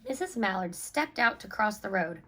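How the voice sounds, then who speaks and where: A woman reads a children's picture book aloud and speaks instructively to young listeners, acting as both story reader and reading teacher. Her medium-pitched voice is expressive and sharp in tone, at a normal speed.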